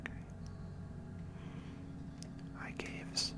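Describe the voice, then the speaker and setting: This is a close-miked ASMR gaming clip with a calm, conversational whispered voice-over. The whisper is airy and gentle with a slight creak, and it never hurries.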